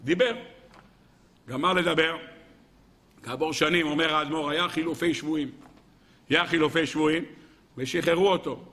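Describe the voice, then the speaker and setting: A man, a rabbi, delivering a sermon as dramatic storytelling, with big swings in pitch and pace. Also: fairly even intonation, long pauses, fairly bright tone, in a large hall.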